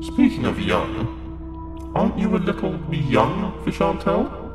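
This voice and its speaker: Drawing out his words with mock-polite taunts, a man voices a sadistic, otherworldly villain who preys on mortals in an audio drama. His full character voice sits on the high side, swings hugely in pitch, and moves slowly. His voice echoes under loud music.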